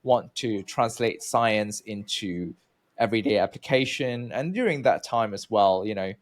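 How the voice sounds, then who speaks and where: A man's voice: lowish voice, lively intonation, unhurried. A man from Malaysia in his thirties, telling his own story as a researcher guest in an interview, chatty with many fillers and restarts.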